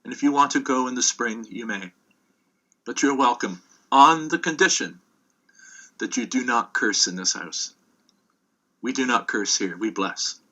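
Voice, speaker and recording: A man playing an earnest, emphatic young father in a fireside folktale, speaking deliberately. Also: medium pitch, expressive, pushed and bright. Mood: firm, courteous. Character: young father, courteous but firm, troubled. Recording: dull, muffled lo-fi recording.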